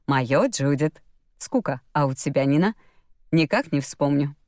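A woman reading as a gushing, chatty older woman in an audiobook, effusive about everything. The voice stays low and dry. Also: animated, measured pace, darkish tone, no room sound.

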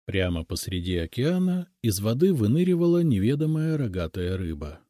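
A man reading a story aloud in a calm, even storytelling manner. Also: lowish voice, moderate pace, no room sound. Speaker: audiobook narrator. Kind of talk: scripted narration.

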